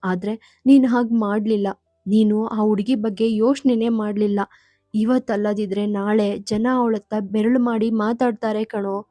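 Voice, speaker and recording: A woman's voice: medium pitch, steady tone, unhurried, dark tone, no room sound, natural voice. A woman narrator voicing an aging mother who pleads and reproaches through sobs. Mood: tearful. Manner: sobbing, reproachful.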